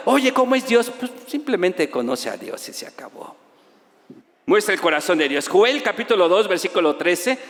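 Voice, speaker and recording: A man with a Mexican Spanish accent preaching a sermon as pastor, animated and storytelling, rising at times to shouts. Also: a little high. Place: church auditorium. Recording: long reverb of a church hall.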